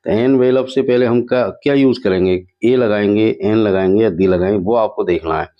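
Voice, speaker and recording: A man with a fairly low voice works through an exam paper as a teacher, explaining each answer step by step. He slows right down whenever he reads out a sentence in English. The recording sounds muffled and lo-fi. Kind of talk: exam paper walkthrough lesson. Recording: dull lo-fi sound.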